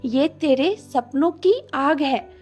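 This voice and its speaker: A woman voicing a harsh, stern village father who scolds and shouts at his daughter. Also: high voice, takes it slowly, faint music behind.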